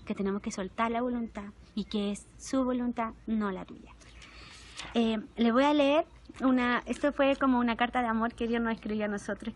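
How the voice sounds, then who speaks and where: With a fairly high pitch and a little hiss or hum in the recording, a young Chilean-accented woman shares an emotional testimonial sermon. She moves between tender, soft moments and animated ones.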